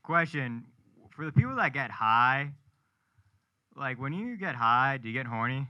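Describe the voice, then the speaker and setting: A man's voice: medium pitch, lively intonation, unhurried, dull audio. A young man from New Hampshire doing a self-deprecating stand-up set at a live show. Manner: self-deprecating, punchline delivery. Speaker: stand-up comedian. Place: live comedy show with audience.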